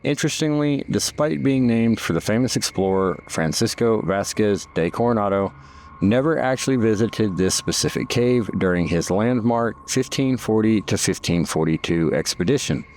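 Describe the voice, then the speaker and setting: Male narrator for a guided-tour documentary: fairly low voice, formal scripted read. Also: lively intonation, moderate pace, a little mellow, a little hiss or hum.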